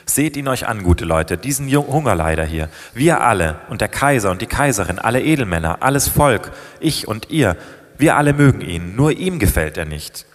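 A proud court lady scolding and sneering at her brother, as a male reader puts her on. The voice lifts a little higher and louder, with a long hall reverb behind it. She lectures with open contempt. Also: sing-song, normal speed. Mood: scornful. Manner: scornful, lecturing. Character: haughty noble young lady at court, scornful.

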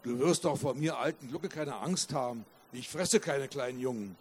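A man voicing a kindly, rough-voiced old peasant woman in a book reading. She coaxes and teases gently. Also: mid-range voice, moderate pace, slight background noise, natural voice. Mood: teasing. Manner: coaxing, gently teasing. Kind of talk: author reading aloud.

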